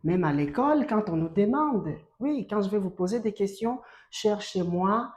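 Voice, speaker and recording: A woman from Rwanda teaching a bilingual French lesson, slow and emphatic, stressing each letter she spells out. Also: medium pitch, expressive, a little mellow.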